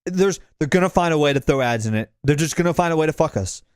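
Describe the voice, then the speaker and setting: A man's voice: on the high side, smooth, no room sound, clean studio sound. A man co-hosting a podcast in casual chat, ranting with profanity. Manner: quick, animated, profane ranting. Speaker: podcast co-host.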